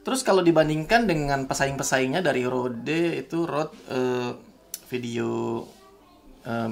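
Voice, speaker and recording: A man's voice: medium pitch, a little slow, gravelly. A man with an Indonesian accent, talking casually to camera outdoors while he tests a camera-top microphone aloud. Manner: chatty, testing mic aloud. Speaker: tech reviewer. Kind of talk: casual vlog demo. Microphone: camera-top microphone, turned front and back.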